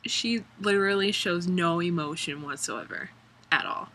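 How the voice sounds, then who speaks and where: A woman's voice: lowish voice, moderate pace, sharp tone, slight background noise. A young woman chatting casually in her dorm room, rambling and sarcastic, with many ums and likes. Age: young adult. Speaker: vlogger. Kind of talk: casual vlog chat.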